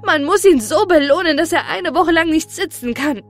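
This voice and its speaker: A woman voicing an old female apple seller in a storybook reading, loud and sharp-tongued, with a higher voice. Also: a little slow, faint music behind. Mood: scolding. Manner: loud, scolding, shrill.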